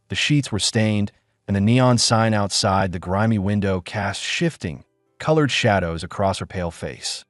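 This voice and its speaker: A man's voice: lowish voice, dry recording, clean studio sound. A man narrating a dramatic story in a scripted, storytelling reading.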